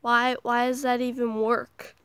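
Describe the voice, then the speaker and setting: A young woman from Canada, hoarse with the flu, chatting in a self-mocking way as she vlogs outdoors. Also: a little high, flat delivery, unhurried, a bit bright, slight background noise. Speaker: vlogger. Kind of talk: casual vlog while walking outdoors. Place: outdoors in a small town.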